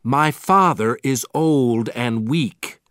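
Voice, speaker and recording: A storybook reader voicing a gentle, brave young woman heroine in a slow, careful reading voice. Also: medium pitch, no echo, clean studio sound, voice pushed up. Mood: pleading.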